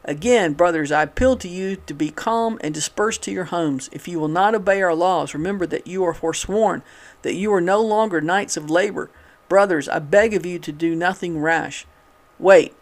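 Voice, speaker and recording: An earnest male orator from the old labor movement, begging an angry crowd for calm in a loud, imploring voice, as a man reading a newspaper story puts him on. His tone sits high and presses forward with feeling. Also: normal speed. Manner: louder and raised in pitch, earnest and imploring. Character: impassioned male labor orator pleading with a mob.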